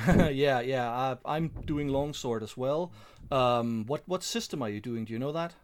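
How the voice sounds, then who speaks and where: Male podcast host, medium pitch, casual delivery, lightly gravelly from a healing sore throat. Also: unhurried. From Denmark. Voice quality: slightly gravelly.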